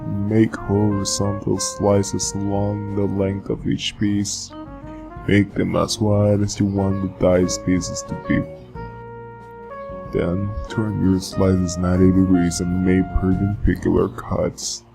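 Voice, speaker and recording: A man putting on a muffled, gravelly seductive purr. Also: deep voice, monotone, takes it slowly, music in the background, pitched below the performer's own voice, exaggerated voice. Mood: sultry. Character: seductive muffled-voiced man reading a how-to. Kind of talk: scripted how-to reading in a put-on voice.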